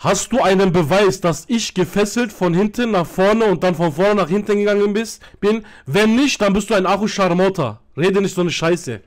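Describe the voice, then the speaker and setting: Casting: a man voicing a cocky, foul-mouthed suspect in a game role-play, high-pitched, loud and taunting. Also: moderate pace, few pauses, lightly acted. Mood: defiant. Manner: loud, taunting, swears and insults constantly. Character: brash hot-headed young man, arrested suspect. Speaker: role-player.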